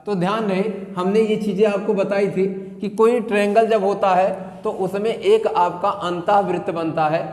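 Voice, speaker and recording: A man's voice: high-pitched, fairly even intonation, moderate pace, few pauses, a little mellow. A man teaching a math lesson, repeating key points and asking the students questions as he goes. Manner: repetitive, asks students questions. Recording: echoey room with long reverb.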